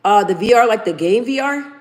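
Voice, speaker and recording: Her voice on the high side and expressive, a woman in her thirties talks a little fast while hosting a casual livestream. She chats informally, reads comments aloud, and addresses viewers as "you guys."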